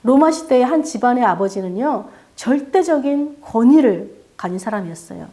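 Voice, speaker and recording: Woman pastor, church sermon, questions to the congregation, mellow tone. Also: fairly high pitch, lively intonation, moderate pace. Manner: questions to the congregation, acts out quoted voices. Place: church sanctuary.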